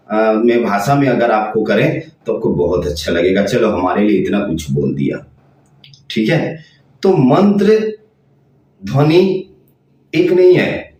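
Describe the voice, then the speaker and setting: A man giving a spiritual lesson, explaining slowly and over again and demonstrating chanted sounds. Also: a little high, darkish tone, far from the mic. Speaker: tantra teacher. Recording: very echoey room, voice off-mic.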